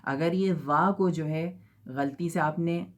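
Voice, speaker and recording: A man teaching an Arabic pronunciation lesson, who stretches out each model sound and keeps checking "theek hai?" with his learners. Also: on the high side.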